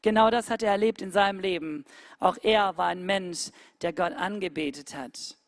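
Eine Frau hält eine emphatische Predigt und senkt dabei oft abrupt Tonhöhe und Lautstärke. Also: female voice, normal speed, no echo, studio quality. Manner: emphatic, with sudden drops in pitch and volume. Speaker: preacher. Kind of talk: sermon.

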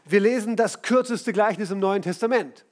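A man's voice: high voice, moderate pace, a little mellow. A male preacher giving a casual, enthusiastic sermon full of storytelling, talking straight to his listeners.

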